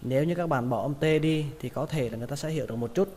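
A man teaching English pronunciation, repeating each word slowly in drills. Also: fairly high pitch, dark tone. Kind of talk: pronunciation lesson. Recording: long hall reverb.

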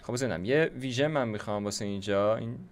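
A young man giving casual, slangy gameplay commentary, chatting to himself as he builds. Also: lowish voice. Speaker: gaming YouTuber.

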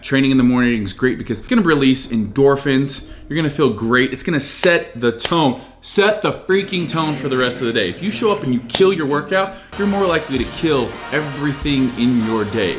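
A man's voice: medium pitch, slight background noise. Fitness vlogger, 30s male, punchy and repetitive, filmed close in a small room. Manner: energetic, emphatic, repeats key phrases. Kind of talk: casual motivational talk to camera.

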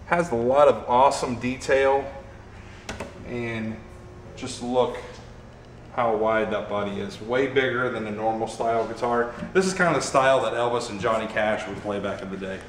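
Walking through an echoey warehouse showroom with faint ambience, a young auction host cheerfully introduces each item in turn for a preview. He talks at a normal speed with a medium-pitched voice, and there's a little hiss or hum on the recording.

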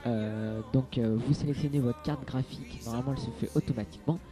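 A man's voice: medium pitch, fairly even intonation, fast talker, over music. A young man giving a casual, hesitant game tutorial, full of fillers and restarts. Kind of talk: casual screen-capture tutorial.

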